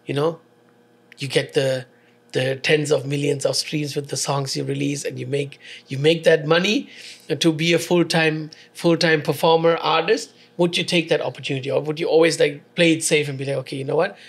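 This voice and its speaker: A man's voice: on the high side, little pitch movement, husky. A man, hosting a casual interview chat and mixing into his English. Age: 40s. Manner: fast-talking, switches into Tamil mid-sentence. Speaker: podcast host.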